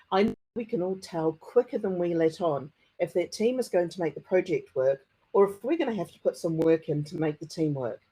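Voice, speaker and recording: A middle-aged conference speaker with a broad Kiwi accent and a soft, husky voice. The delivery is mellow and deliberate, explaining step by step, with a slight stutter now and then. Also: medium pitch, rough recording. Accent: broad New Zealand. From New Zealand. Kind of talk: conference presentation.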